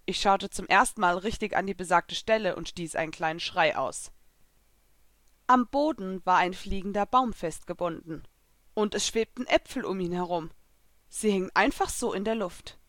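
A woman narrating a first-person audiobook story in an expressive storytelling manner. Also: medium pitch, moderate pace, dry recording.

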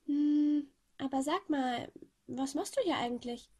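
A woman voicing an overexcited Polish teenage boy who rambles on and on, with a slightly husky voice. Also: high-pitched, unhurried, darkish tone, pitched above the performer's own voice. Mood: chatty.

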